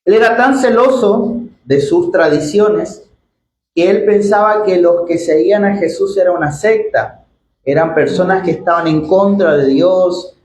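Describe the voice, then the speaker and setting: An Argentine pastor with a high, somewhat mellow voice preaches in an echoey church hall with faint background noise. He reads scripture slowly, drawing out the quoted words, and asks many rhetorical questions.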